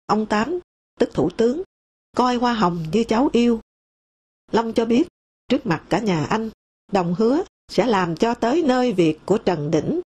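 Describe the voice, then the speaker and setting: A woman narrating a memoir audiobook in a steady, measured storytelling manner, reading the quoted dialogue in her own voice. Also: fairly high pitch, slightly rough. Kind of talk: memoir read aloud.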